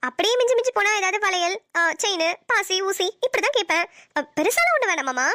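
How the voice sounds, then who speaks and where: A woman's voice: extremely high pitch, very animated, fast talker, sharp tone, no echo, studio quality, heavily acted. A woman voicing a cheeky young female college student in a cartoon, teasing and playful in her banter. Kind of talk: cartoon voice acting.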